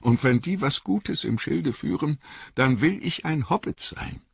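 A man's voice: on the high side, unhurried, vocal fry, breathy edge, no echo, pitched above the performer's own voice, full character voice. A man voicing a chatty, flustered innkeeper in an audiobook reading, rambling and apologetic. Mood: ominous. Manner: rambling, apologetic, lively storytelling. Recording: dull lo-fi recording.

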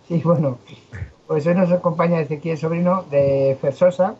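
A man's voice: a little high, fairly even intonation, moderate pace, noisy background. A man hosting a casual radio chat, blunt and irritated, swearing as he rants. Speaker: radio host. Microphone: computer setup with background noise. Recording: dull lo-fi sound.

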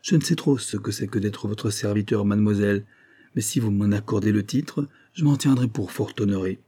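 A man's voice: lowish voice, fairly quick, warm tone, breathy edge. A man reading an audiobook, voicing a shy, plain-spoken young schoolboy. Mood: bashful.

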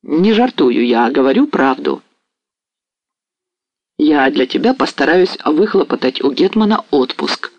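A man's voice: a little high, big pitch swings, unhurried, long pauses, no echo, lo-fi sound, exaggerated voice. A man voicing a sly, commanding cossack officer who teases with a knowing tone. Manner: teasing, knowing.

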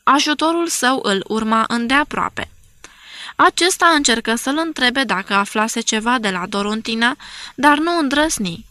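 Bright-voiced woman reading a novel. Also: a little high, no echo. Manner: calm, measured reading. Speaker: audiobook narrator. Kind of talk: scripted literary narration.

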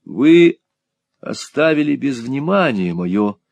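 A man's voice: fairly low pitch, animated, normal speed, breathy edge, no echo. A man playing a defiant young teacher. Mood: outraged. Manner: firm, defiant, rising to angry shouts. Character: young indignant male teacher, righteous.

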